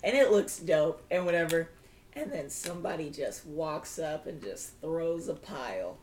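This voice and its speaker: Deadpan woman, lively pitch. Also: unhurried, a little hiss or hum. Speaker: podcast co-host. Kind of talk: casual chat. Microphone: studio microphone.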